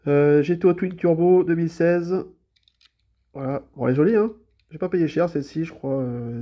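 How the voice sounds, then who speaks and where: A man with a slightly high voice and a soft, mellow tone, talking through a stuffy nose from a cold. He chats in an easygoing, unhurried way, with lots of small hesitations and repeated fillers, like a casual show-and-tell vlog. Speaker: toy car collector presenting his collection.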